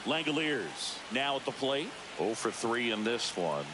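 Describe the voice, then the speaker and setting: A man's voice: medium pitch, sing-song, unhurried. A man playing a baseball play-by-play announcer, calling the game radio-style in clipped, punchy calls over noisy ambience. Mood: focused, animated. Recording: noisy stadium ambience behind voice.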